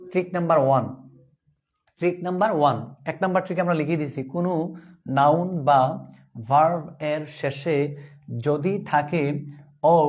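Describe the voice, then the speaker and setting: A man's voice: sits high, darkish tone. A man with a Bangladeshi Bengali accent teaching an online English class, asking questions and answering them himself, and chanting letter lists in a sing-song rhythm. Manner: drills students with repeated call-and-response questions. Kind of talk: live online class lecture.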